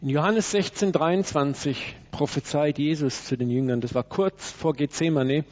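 A man's voice: on the high side, moderate pace, a little mellow. Man preaching emphatically, lo-fi. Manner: emphatic, with acted quotes and direct asides to listeners. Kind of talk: sermon. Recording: dull, lo-fi sermon recording.

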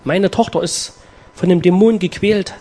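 A male preacher with a fairly high voice delivers a sermon. He reads scripture slowly and earnestly, stresses key words and leaves dramatic pauses before explaining the passage. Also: fairly even intonation, darkish tone. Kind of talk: sermon with Bible reading.

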